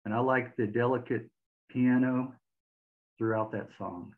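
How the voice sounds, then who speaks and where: Interviewing someone over a tinny, phone-like call line, the host speaks with a medium-pitched voice, a steady tone, and a measured pace. His questions are friendly yet hesitant, with words repeated. He sits in a home room with record shelves, using a webcam mic.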